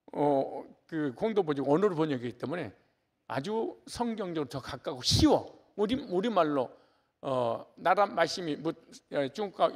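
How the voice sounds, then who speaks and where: A middle-aged male pastor giving a conversational sermon, with joking asides to his congregation. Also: on the high side.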